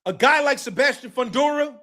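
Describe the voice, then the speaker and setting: The host of this live boxing talk stream is a man with an extremely high pitch who speaks fairly quickly. He's casual and emphatic, repeats himself, swears, and suddenly shouts.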